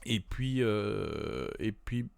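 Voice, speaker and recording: A chatty tutorial presenter addresses viewers directly as he walks through a casual screen recording, hesitating with many fillers and restarts. His voice is lowish and creaky, with lively intonation and drawn-out words, and a little hiss or hum sits underneath.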